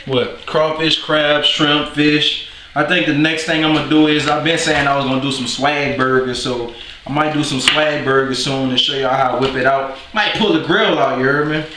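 A man with a New Orleans accent talks his viewers through a home cooking session, slangy and rambling, cracking jokes as he goes. His voice sits a little high. The kitchen rings with echo and a clear noise runs underneath. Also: fairly even intonation, normal speed, bright, forceful tone. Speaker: cooking video host. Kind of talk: casual cooking vlog. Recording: echoey room with clear noise.

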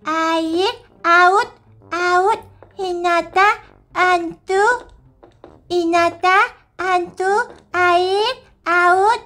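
A woman's voice: very high-pitched, very slow, pauses often, a bit bright, voice pushed up, exaggerated voice. A woman voicing a small clingy toddler girl who babbles in broken short words. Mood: pleading.

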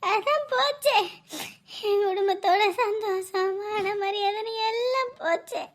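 A woman plays a distraught middle-aged mother in a TV drama who wails and pleads through her tears. Her voice sits very high and thin. Each line comes out as sobbing lament. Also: measured pace. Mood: despairing. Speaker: grieving mother. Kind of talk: Tamil TV drama acting.

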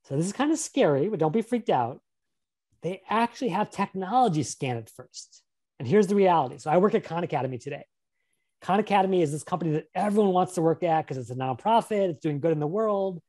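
Over a webcam on a video call, a man with a high, dark-toned voice presents a career webinar. He talks fast and expressively, staying upbeat and encouraging while frequently putting questions to a volunteer.

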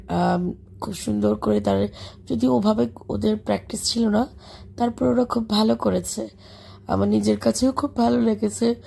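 A woman with a Bangladeshi accent and a hoarse, broken voice from illness, chatting through a vlog voice-over about a school celebration with many fillers. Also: mid-range voice. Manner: chatty, warm about the children, frequent fillers. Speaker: schoolteacher and vlogger. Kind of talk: casual voice-over narration. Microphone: voice-over recorded separately.

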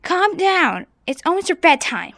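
A woman's voice: extremely high pitch, sing-song, measured pace, a bit bright, no echo, heavily acted. Woman doing Amy, cooing hedgehog girl. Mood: soothing. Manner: cooing, soothing, baby talk. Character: doting young female hedgehog, motherly. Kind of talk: plush toy video role-play.

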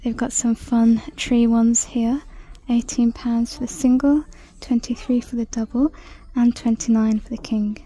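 Chatty woman with a mellow voice. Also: on the high side, flat delivery, unhurried, hardly any pauses. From United Kingdom. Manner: chatty, reads out prices, drops to soft whispers at times. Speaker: shopping vlogger. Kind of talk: casual shop-with-me commentary. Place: large indoor store. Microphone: handheld phone camera.

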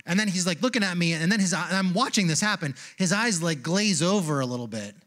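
A man's voice: high voice, expressive, fast. Man preaching on a church stage. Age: 40s. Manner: conversational storytelling, turns hushed and reflective. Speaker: pastor. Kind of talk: sermon. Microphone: handheld mic.

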